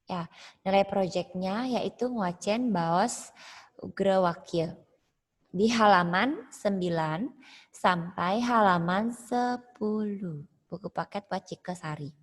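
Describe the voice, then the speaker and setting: A woman's voice: mid-range voice, takes it slowly, in a large hall. A woman teacher giving an online class, patiently explaining pronunciation step by step over a video call.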